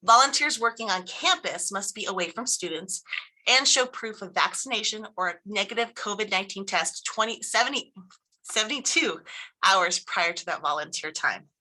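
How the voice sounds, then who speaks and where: A woman's voice: medium pitch, lively intonation, normal speed, pushed and bright, rough recording. A woman school principal giving an upbeat, informative presentation to parents, reading from slides with small restarts.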